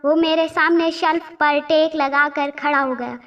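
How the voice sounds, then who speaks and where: A woman's voice: sits high, little pitch movement, distant mic, highs cut off. A woman telling a first-person story as a storyteller, emotional, with quoted dialogue.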